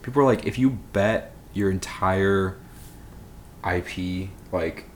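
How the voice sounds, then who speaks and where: A man in his twenties co-hosts a podcast, chatting casually about films and rambling with plenty of filler words. His voice is deep and he takes things slowly, with slight background noise.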